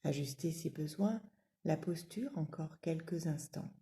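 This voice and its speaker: A woman speaking in a low voice leads yoga nidra, calm and measured throughout. She gives soft instructions and pauses for long stretches.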